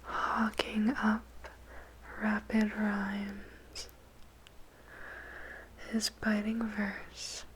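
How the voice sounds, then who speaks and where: Woman, whispered ASMR poem recitation, extremely slow, flat unvarying pitch, deliberate phrasing, dramatic pauses. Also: a little hiss or hum, poor audio.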